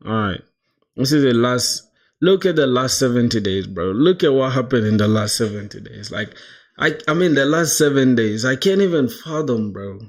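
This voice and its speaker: A man's voice: medium pitch, creaky. A man in his twenties from South Sudan, chatting casually on a coding live stream, dropping "bro" into nearly every line and reading chat aloud. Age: 20s. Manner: slangy, says "bro" constantly, laughs, reads chat aloud. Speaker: livestreamer coding toward a job.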